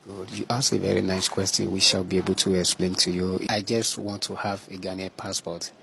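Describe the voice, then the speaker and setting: A man from Nigeria, a pastor, giving hesitant, halting answers under questioning. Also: deep voice, flat delivery, creaky, fairly bright tone, slight background noise.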